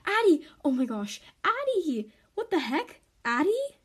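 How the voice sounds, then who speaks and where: A woman's voice: sits high, animated, normal speed, darkish tone. A woman voicing an eleven-year-old girl stranded in the woods with her twin, anxious and urgent. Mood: worried.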